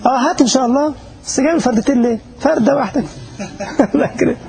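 A man's voice: extremely high pitch, rapid-fire, gravelly, a little mellow, low-quality recording. A man with an Egyptian accent who is a sheikh giving a casual religious lesson to a live audience in Germany. He chats, jokes and keeps asking his listeners whether they follow. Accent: Egyptian Arabic. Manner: chatty and joking, addresses listeners directly, asks checking questions. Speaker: sheikh teaching a religious class. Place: class in front of an audience in Germany.

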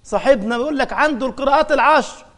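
A man with an Egyptian Arabic accent, a Quran teacher giving a religious lesson in an animated way, swinging from emphatic scolding to soft, quiet asides. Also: very high voice, racing, very noisy.

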